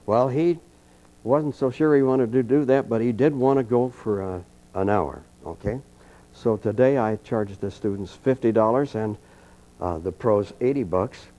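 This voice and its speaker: An older man teaching a college clinic, telling folksy stories and calmly guiding a group through a breathing exercise. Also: mid-range voice, a little slow. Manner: folksy, anecdotal, calm coaching. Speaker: trumpet teacher giving a clinic. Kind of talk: storytelling and leading a breathing exercise. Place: college clinic room with an audience. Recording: dull lo-fi archival recording.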